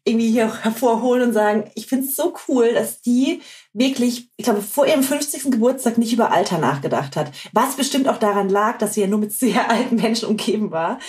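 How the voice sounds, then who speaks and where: A woman's voice: fairly high pitch, lively intonation, brisk, a little mellow. A woman in casual podcast chat, talking chattily and asking questions with fillers.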